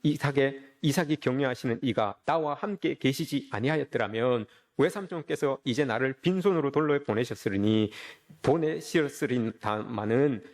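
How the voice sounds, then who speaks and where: A man's voice: mid-range voice, moderate pace, a little mellow, voice pushed down, natural voice. A male preacher voicing a wronged young man who pours out his heart with emotion during a sermon. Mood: pleading. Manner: pleading, emotional.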